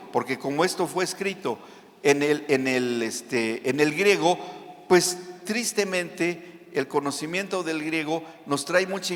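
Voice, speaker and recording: A man preaching a sermon as pastor, animated, with joking asides and dramatic readings. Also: on the high side. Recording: long hall reverb.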